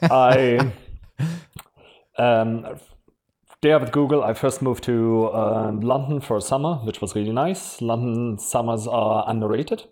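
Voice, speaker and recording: At a measured pace and medium pitch, a man with a German accent speaks in a slightly mellow voice. As a podcast guest and marketing executive, he's frank and laughs often while telling career stories in a relaxed interview.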